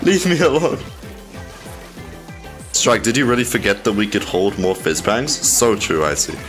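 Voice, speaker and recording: A man streaming a shooter game, chatting casually with a teammate in excitable bursts and frequent laughs. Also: on the low side, normal speed, music in the background. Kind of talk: casual gaming chat.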